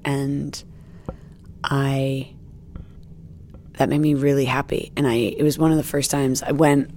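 A woman's voice: a bass voice, darkish tone, a little hiss or hum. A woman comedian from the United States, a guest in a casual interview chat, who rambles with many fillers and restarts.

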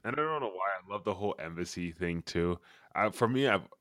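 Enthusiastic deep-voiced male podcast host. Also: animated, brisk, a bit bright, no room sound, studio quality. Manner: enthusiastic, rambling. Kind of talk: casual chat.

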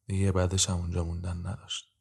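A tired, guarded woman of thirty on trial, voiced by a man in a low, flat tone. Her answers come quiet and muffled, short and reluctant. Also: gravelly, husky, exaggerated voice. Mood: subdued.

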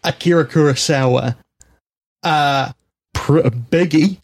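A man's voice: on the high side, slow pace. A man co-hosting a film podcast, chatting casually in a rambling, jokey way with frequent restarts. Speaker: podcast co-host.

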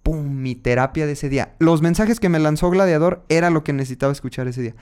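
A man, hosting a casual podcast and telling a personal story in an animated way, voicing his own inner dialogue. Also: a little high, quick pace, smooth.

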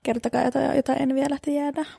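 A woman's voice: high voice, flat delivery, creaky, warm tone, no echo. A woman co-hosting a podcast in casual chat, blunt and dry, swearing offhand. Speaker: podcast co-host.

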